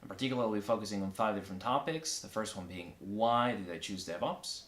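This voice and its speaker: A man from Argentina explaining his engineering work in a measured, step-by-step way, with some restarts. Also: lowish voice, fairly bright tone. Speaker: backend engineer. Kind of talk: solo recorded interview. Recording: echoey room.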